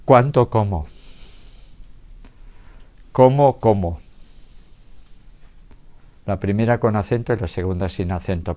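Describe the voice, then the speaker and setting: A man with a somewhat low voice gives a health lecture to an audience in a lecture room. He speaks in a relaxed, conversational way. He poses rhetorical questions and checks in with his listeners as he goes. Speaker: doctor giving a public lecture.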